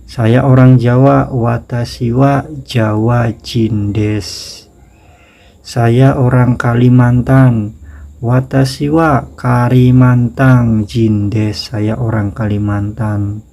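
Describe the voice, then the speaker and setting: A man with an Indonesian accent explains grammar in a patient, unhurried way. He repeats example sentences slowly. His voice is dark and gravelly, with a mid pitch. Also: little pitch movement. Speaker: Japanese language teacher. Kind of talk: casual spoken grammar lesson.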